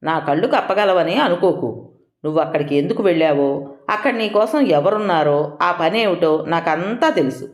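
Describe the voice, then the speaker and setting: A woman's voice: on the low side, expressive, normal speed, roomy sound, lightly acted. A woman reading the part of a stern older man who angrily questions his nephew. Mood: accusing. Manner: accusing, interrogating. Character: stern angry older man, protective uncle.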